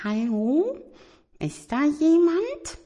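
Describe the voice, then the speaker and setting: A woman voicing a small, timid toy tiger who asks anxious, squeaky questions. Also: huge pitch swings, unhurried, full character voice.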